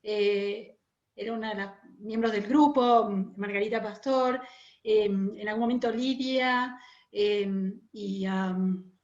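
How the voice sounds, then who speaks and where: Appearing as an interview guest over an internet call that sounds muffled and roomy, this Uruguayan oral storyteller from Montevideo talks casually and explains as she goes. She has a Rioplatense accent and a medium-pitched, steady, slightly mellow voice, and she takes her time.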